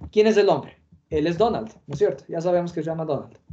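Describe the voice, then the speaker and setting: A man's voice: a little high, fast talker, warm tone, a little hiss or hum. A man teaching an English lesson online, explaining patiently with fillers, in dull lo-fi audio.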